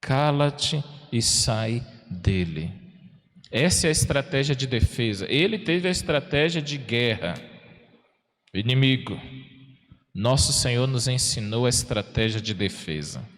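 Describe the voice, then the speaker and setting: A Brazilian priest with a mid-range voice preaches a sermon in a homely, conversational way, putting questions to his congregation. He stretches words out slowly to stress them. His voice carries a long reverb through the church. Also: medium pitch, lively intonation, a bit bright. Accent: Brazilian Portuguese. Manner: folksy, asks the congregation questions, slows down for emphasis. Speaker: parish priest.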